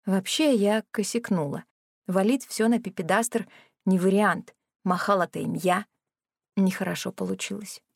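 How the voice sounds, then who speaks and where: A woman's voice: mid-range voice, moderate pace, creaky, breathy edge, dry recording, clean studio sound. A woman narrating a comic fantasy audiobook in the first person, wry and sarcastic.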